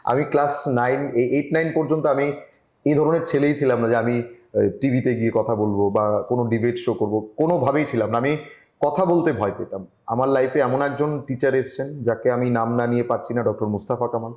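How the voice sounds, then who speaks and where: A man from Tripura, India, giving earnest advice as a journalist guest in an online interview, often pausing and restarting. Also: mid-range voice, steady tone, a little mellow, echoey room. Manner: earnest, advising, with frequent hesitations. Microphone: video call.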